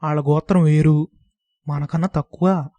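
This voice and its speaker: A bossy village aunt scolds in brisk rural speech, as a male storyteller puts her on. The voice sits a little high and is recorded dry and close, with no room sound. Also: steady tone, dark tone, dry recording, lightly acted. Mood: scolding. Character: scolding village aunt, middle-aged woman.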